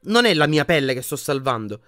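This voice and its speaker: A man's voice: medium pitch, big pitch swings, moderate pace. A man voicing an angry, impatient teenage boy wizard in an audiobook, speaking in short, clipped bursts. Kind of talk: audiobook character voice.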